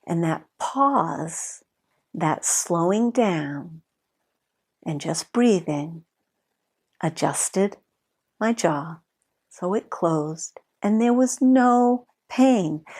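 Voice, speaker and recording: A middle-aged woman, a massage therapist, calmly teaching body awareness and telling a personal story in a slow, deliberate, gently demonstrative way. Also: fairly low pitch. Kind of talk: calm instructional talk with personal story.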